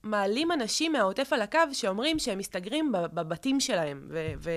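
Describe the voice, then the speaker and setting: A young woman telling a guest's personal story in an interview, halting, with many fillers and restarts. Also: medium pitch, expressive. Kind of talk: emotional personal account in an interview.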